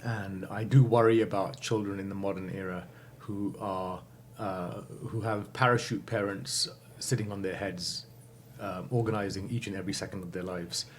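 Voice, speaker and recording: A man's voice: sits low, fairly even intonation, normal speed, hardly any pauses, a little hiss or hum. Thoughtful man in his fifties. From England. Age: 50s. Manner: thoughtful, many fillers, self-correcting. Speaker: guest. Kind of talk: reflective interview answers.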